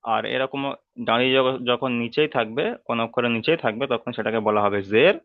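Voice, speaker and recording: A man teaching letter sounds in an online class, patient and repeating each rule slowly. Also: mid-range voice, no echo, narrow, tinny audio. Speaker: Quran reading teacher.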